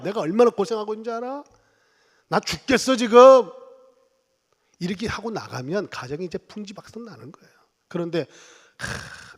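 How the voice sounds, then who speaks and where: Fifty-something pastor preaching in a reverberant church. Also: male voice, on the high side. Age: 50s. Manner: conversational and humorous, with sudden loud emphasis and acted quotes. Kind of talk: Sunday sermon. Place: church sanctuary.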